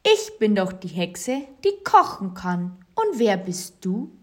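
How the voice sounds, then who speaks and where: A woman's voice: big pitch swings, slow pace, darkish tone. A woman voicing a proud storybook witch who can only cook, talking in a self-assured voice. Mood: smug. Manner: self-assured, then shrill when disgusted.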